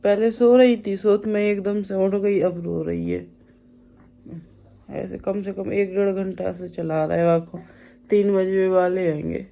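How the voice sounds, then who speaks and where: A woman's voice: medium pitch, steady tone, unhurried, vocal fry, dark tone. A young woman with a Bundeli accent filming a casual family vlog at her village home, chatty and teasing as she talks to and about her children. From Bundelkhand, India. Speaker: vlogger and mother.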